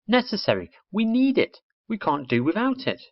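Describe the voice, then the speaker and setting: A man voicing a proud, bossy little girl who lectures in a high storybook voice, on a lo-fi recording. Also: huge pitch swings, normal speed, exaggerated voice. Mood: explaining.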